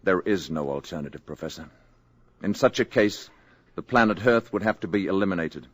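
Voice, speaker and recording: An actor playing a calm, grave male alien envoy in human guise, speaking in a measured, formal way in an old radio drama. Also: low voice, no room sound. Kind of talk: 1950s radio acting.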